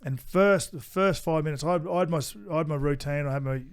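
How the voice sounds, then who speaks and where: A middle-aged Australian man with a fairly high, clear, resonant voice talks briskly as a podcast co-host. His casual chat is blunt, he swears freely, repeats himself, and keeps restarting his sentences.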